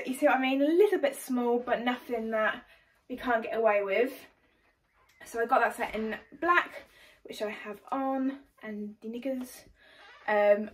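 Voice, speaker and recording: A young woman with an English accent chatting through a clothing haul in a bubbly, energetic way, filmed at home under a ring light. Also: fairly high pitch, poor audio. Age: young adult. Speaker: vlogger. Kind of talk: casual haul vlog.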